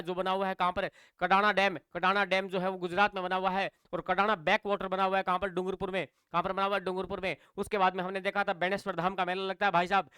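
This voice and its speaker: Bright high-voiced quiz teacher. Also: male voice, clean tone, no echo. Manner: repeats key facts and quizzes students with questions; sing-song memory chants. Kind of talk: exam-prep lecture.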